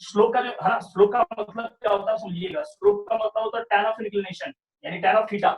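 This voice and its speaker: High-voiced maths teacher, echoey room. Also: male voice, big pitch swings, normal speed, vocal fry, distant mic, highs cut off, faint music behind. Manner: explains step by step, often asks "sahi hai kya?". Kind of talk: online revision class lecture.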